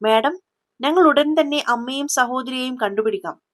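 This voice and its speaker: A woman's voice: sits high, normal speed, natural voice. A woman voicing a fawning, nervous male police inspector. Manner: fawning, then stammering.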